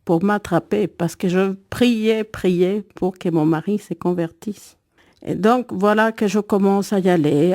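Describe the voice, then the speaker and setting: Woman, middle-aged, low and warm, telling a personal testimony. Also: no echo, clean studio sound. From El Salvador. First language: Spanish. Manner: earnest, reflective, storytelling with pauses. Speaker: guest giving a faith testimony.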